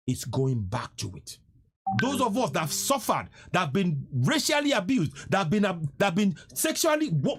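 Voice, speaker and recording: A man's voice: high voice, breathy edge. A man in his fifties hosting a live stream, making an impassioned, pleading appeal to his viewers, often repeating himself and stammering when moved. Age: 50s.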